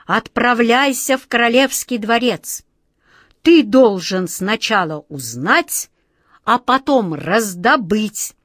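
Brief: a woman playing a young storybook wizard, stern and commanding, trying to keep calm, dry booth sound. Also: medium pitch, measured pace, no echo. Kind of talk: audiobook reading.

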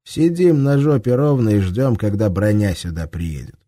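A man's voice: lowish voice, normal speed, warm tone, dry recording, studio quality, voice pushed up, close to an everyday voice. A man voicing a tough army warrant officer who gives coarse, contemptuous orders. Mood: gruff.

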